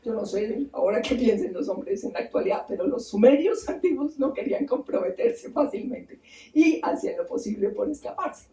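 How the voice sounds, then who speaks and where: Animated woman telling myths. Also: a little high, moderate pace. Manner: animated, acts out voices, asks the audience. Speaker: author giving a book talk. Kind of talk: lively mythology storytelling talk. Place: bookstore event space. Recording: roomy, distant mic.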